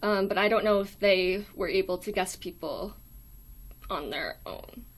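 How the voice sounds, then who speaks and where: Young woman, thin weak voice, mid pitch, hesitant and apologetic casual livestream host. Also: a little slow. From United States. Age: young adult. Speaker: live stream host. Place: small dorm room.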